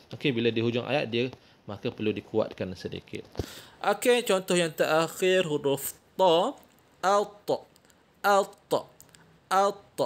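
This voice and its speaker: A man with a Malaysian Malay accent teaching children Quran recitation, slowly demonstrating each example and patiently correcting mistakes. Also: medium pitch. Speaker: religious teacher.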